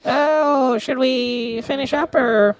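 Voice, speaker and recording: Metallic robotic filter, goofy crude male robot, slow deadpan delivery, a man behind the effect, podcast banter. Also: very high-pitched, dry recording, pitched above the performer's own voice. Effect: robotic metallic voice changer. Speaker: podcast co-host. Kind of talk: casual comedy podcast banter.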